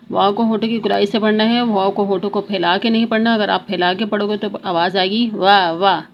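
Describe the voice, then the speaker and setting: A woman teaching Quran recitation with tajweed, chanting each word slowly and then explaining quickly. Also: mid-range voice. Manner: slow drawn-out recitation, then rapid explanations. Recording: dull lo-fi sound with faint noise.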